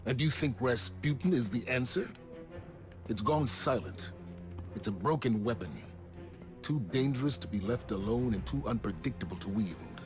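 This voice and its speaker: Man, actor as grave game commander; stern, measured, cutscene music under. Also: medium pitch, close to an everyday voice. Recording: game cutscene with loud score.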